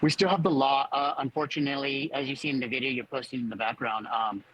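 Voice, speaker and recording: A man of about fifty giving a personal account as a fire captain in an interview, speaking haltingly as he searches for words. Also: mid-range voice, steady tone, fairly bright tone, lo-fi sound, slight background noise.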